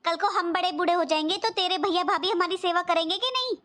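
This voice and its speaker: A woman's voice: very high voice, quick pace, sharp tone. A woman voicing a worried mother in a cartoon who lectures her married daughter about duty. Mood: firm. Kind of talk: cartoon voice acting.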